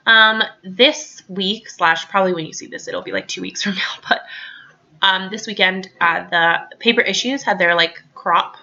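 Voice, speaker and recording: A woman's voice: mid-range voice, moderate pace, sharp tone, highs cut off. A young woman chatting casually over her scrapbooking, rambling with lots of ums and likes. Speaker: crafting vlogger.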